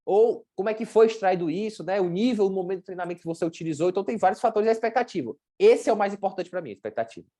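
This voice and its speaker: Fast-talking woman teaching a workshop. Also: mid-range voice, lively intonation, warm tone. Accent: Brazilian Portuguese. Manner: chatty, blunt, with slang and acted-out examples. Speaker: workshop presenter, sports nutrition. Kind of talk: informal teaching talk.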